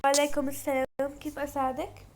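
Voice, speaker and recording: A woman playing a brisk police clerk. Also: high-pitched, level tone, a little mellow, a little hiss or hum, close to an everyday voice. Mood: helpful. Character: helpful police desk clerk.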